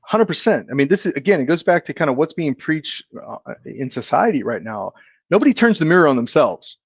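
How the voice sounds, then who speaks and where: An earnest man talks as a guest on a casual podcast. He is reflective and deliberate. The recording sounds a bit dull and dry. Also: a little high, big pitch swings, breathy edge, no echo. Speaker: podcast guest, insurance agent. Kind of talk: casual chat.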